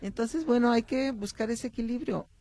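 A woman's voice: a little high, moderate pace, dry recording. A middle-aged woman with a Mexican accent, a psychologist hosting a reflective talk on motherhood, telling stories and acting out short quotes. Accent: Mexican Spanish. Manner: warm storytelling, acts out short quotes, addresses listeners.

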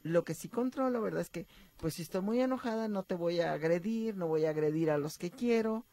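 A woman's voice: on the low side, brisk, no echo. Radio guest, woman psychologist, dry close sound, explanatory. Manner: explanatory, calm, uses fillers like "este". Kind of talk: advice talk on radio.

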